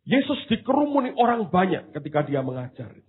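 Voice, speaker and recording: A man preaching a sermon, swinging from hushed asides to loud exclamations, with casual slang jokes. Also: high voice, sing-song, a little fast, husky. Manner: drops into casual Javanese-flavoured slang for humour. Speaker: pastor. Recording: tinny phone-like sound.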